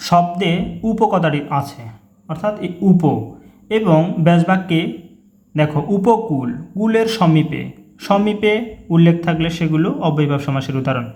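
A young man teaching a grammar lesson online, calling out each example word and then its meaning in a steady teaching rhythm. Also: on the high side, moderate pace, long pauses. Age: young adult. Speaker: grammar tutor. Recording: echoey room.

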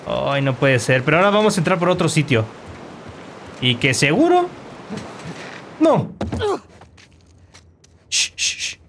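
A man commentating his own gameplay, animated and quick to shout insults at enemies. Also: on the high side, slight background noise. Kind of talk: let's play commentary.

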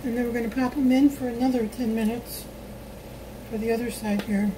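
High-voiced woman chatting while cooking. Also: steady tone, a little fast. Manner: chatty, homey, talks to viewers while cooking. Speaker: home cook vlogger. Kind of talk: casual cook-along narration. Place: home kitchen, indoors. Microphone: phone camera held while cooking. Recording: noisy home kitchen recording.

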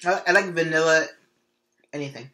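A man's voice: a little high, brisk, bright, forceful tone. A young man chatting casually in a home kitchen, rambling and repeating words as he thinks. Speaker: vlog co-host. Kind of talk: casual chat.

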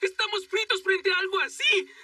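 A man's voice: very high-pitched, moderate pace, sharp tone, no echo, studio quality, recorded from a distance, heavily acted. A man dubbing a panicky, wisecracking expedition member in a film, talking in a frantic, jokey rush. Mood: panicked. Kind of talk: dubbed film dialogue.

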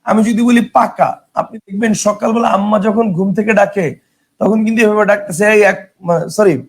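High-voiced man tutoring grammar. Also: steady tone, normal speed. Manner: explains patiently, repeats examples, checks if students understand. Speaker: exam-prep grammar tutor. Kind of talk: online lecture.

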